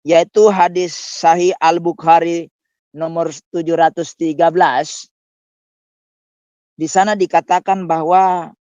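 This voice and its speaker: A man who is a pastor, talking in a scornful, preachy way on a talk show and jumping up in pitch to stress a point. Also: a little mellow, clear, resonant tone, no echo. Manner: scornful, with sudden pitch jumps for emphasis. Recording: dull dry lo-fi recording.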